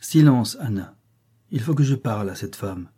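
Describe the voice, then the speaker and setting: A dutiful young gentleman, voiced by a man reading aloud, calm and commanding. His voice is mellow and slightly husky. He sets orders down firmly without raising it much. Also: mid-range voice, moderate pace.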